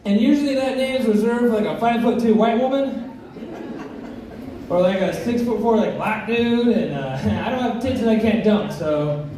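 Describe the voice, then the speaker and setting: A stand-up comic in his thirties performs a crude, self-deprecating set on a comedy club stage. His voice is high-pitched at a moderate pace, and the recording is noisy, captured from far off in an echoey club.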